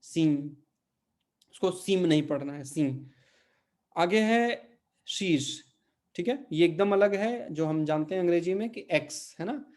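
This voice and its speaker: A man teaching a Portuguese pronunciation lesson, repeating each word slowly and checking in with his listeners. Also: sits high, darkish tone. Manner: patient, repeats words slowly and checks with "ठीक है?". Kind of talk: spoken language lesson.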